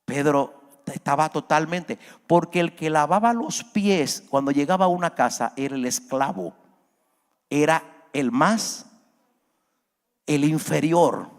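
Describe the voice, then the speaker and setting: A man preaching a sermon as a pastor, his voice climbing high and loud as he acts out pleas. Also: unhurried. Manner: preaching, voice rises high and loud when acting out Peter's plea. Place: church hall. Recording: long reverb of a large church.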